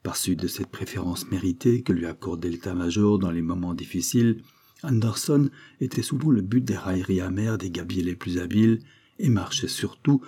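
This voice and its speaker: A man reads a sea adventure aloud in a measured, descriptive manner. His voice sits low and dark, with a husky edge. The reading is steady and scripted. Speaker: narrator. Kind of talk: scripted audiobook narration.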